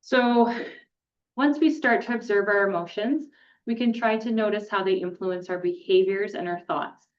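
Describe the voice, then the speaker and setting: A woman facilitator explaining a skills lesson in a relaxed, plain way. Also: mid-range voice, normal speed. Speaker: group facilitator. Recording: dull lo-fi recording.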